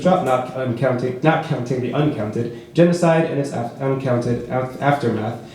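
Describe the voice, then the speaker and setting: Author reading with a mellow, measured cadence. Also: male voice, mid-range voice. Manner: measured, rhythmic delivery. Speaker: author reading his work. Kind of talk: poetry reading at a book launch. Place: bookshop event space. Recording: echoey room with faint noise.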